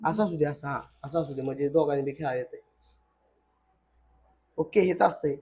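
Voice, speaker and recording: A man's voice: on the high side, normal speed, vocal fry, a little mellow, a little hiss or hum. A young man, hosting a casual family vlog at home and bantering jokingly with his wife. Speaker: vlog host. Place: home room.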